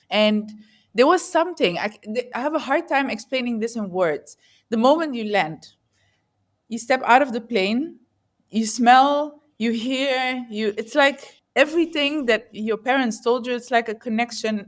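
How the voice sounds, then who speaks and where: A woman who grew up in the Netherlands, a guest in an interview, talking in an earnest, reflective way and often searching for words. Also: fairly high pitch. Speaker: guest entrepreneur.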